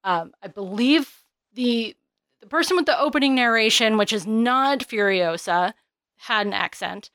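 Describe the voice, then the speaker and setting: A woman's voice: on the high side, lively intonation, a little slow, a bit bright, no echo. A woman co-hosting a podcast, chatting about a film trailer in an enthusiastic, talkative way. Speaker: podcast co-host. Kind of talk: casual podcast chat.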